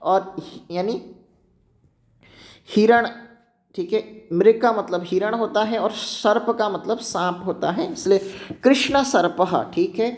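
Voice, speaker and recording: A man with a high-sitting voice teaches an exam-prep lesson, often checking in with students and reminding them to keep points in mind.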